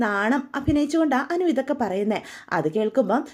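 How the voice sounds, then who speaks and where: A woman's voice: on the high side, animated, a little fast. A woman retelling a serial story in a casual, chatty way, acting out every character's lines.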